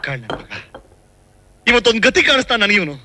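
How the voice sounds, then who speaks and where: An actor playing an exasperated man who scolds and questions a bumbling helper in an expressive way, in a film comedy scene. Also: very high-pitched, brisk, no room sound, exaggerated voice. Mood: angry. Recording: film soundtrack with faint music.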